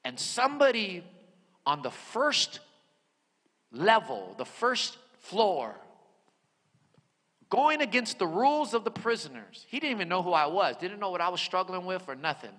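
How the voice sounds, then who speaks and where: A man in his forties preaching a sermon as a pastor, telling his story dramatically, dropping to a hush and rising to shouts. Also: high voice, very animated, a little slow, long pauses, breathy edge. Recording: echoey hall.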